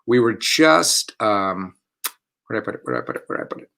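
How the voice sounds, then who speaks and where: Rambling, lower-voiced man hosting a casual chat. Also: wildly swooping pitch, fast talker, vocal fry, bright, forceful tone. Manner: rambling and self-correcting, with chuckles. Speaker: artistic director hosting a theater company's online chat. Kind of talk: casual live-stream chat.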